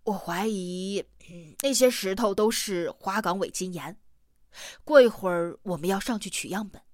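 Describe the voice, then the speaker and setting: A woman's voice: medium pitch, normal speed, darkish tone, no echo, clean studio sound, natural voice. A woman reading an audiobook, voicing an eager male geologist who talks in a confident, gleeful way. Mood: musing.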